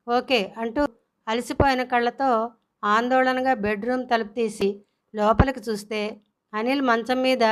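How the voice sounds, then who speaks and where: A woman storyteller narrating an audio story and voicing its characters with small pitch shifts.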